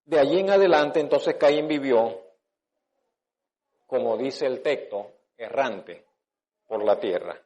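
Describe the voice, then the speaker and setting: A man's voice: medium pitch, slow pace, pauses often, a little mellow. A man pastor giving a conversational sermon, reading scripture and asking rhetorical questions, with frequent restarts.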